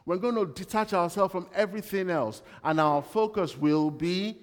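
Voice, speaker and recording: A man preaches in a conversational way, telling stories and asking his congregation questions. His voice sits fairly high for a man. The sound carries the long reverb of a church hall. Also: moderate pace. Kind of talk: sermon.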